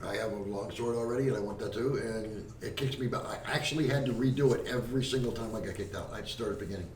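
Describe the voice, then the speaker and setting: Male player, casual and fast, distant in an echoey room. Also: lowish voice, a little mellow. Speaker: tabletop game player. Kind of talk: casual chat. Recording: distant mic, echoey room, faint noise.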